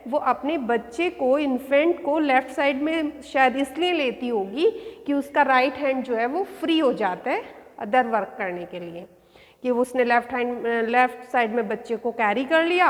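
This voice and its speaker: A woman's voice: high voice, long reverb tail. A woman teacher lecturing in Hindi mixed with terms, explaining an essay step by step and restating each point.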